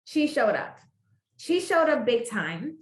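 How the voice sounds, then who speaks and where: Woman, podcast guest. High voice, emphatic storyteller who repeats lines for punch. Roomy, echoey recording. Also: very animated, slow pace. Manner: emphatic, exclaiming, repeats phrases for effect. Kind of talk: animated faith storytelling.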